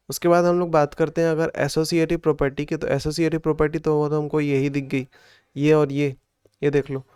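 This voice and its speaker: A man tutors school maths, working each problem through step by step and counting out factors under his breath. He keeps checking in with his listener as he goes. His voice is smooth and a little high, captured close on a dry mic. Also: a little mellow, no echo. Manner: talks himself through calculations, counting out factors aloud. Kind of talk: solving textbook exercises step by step.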